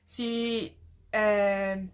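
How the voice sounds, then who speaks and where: A woman's voice: medium pitch, flat delivery, very slow, smooth. A young Brazilian woman with a Brazilian Portuguese accent, chatting casually on a phone livestream as she explains a form step by step. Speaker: host.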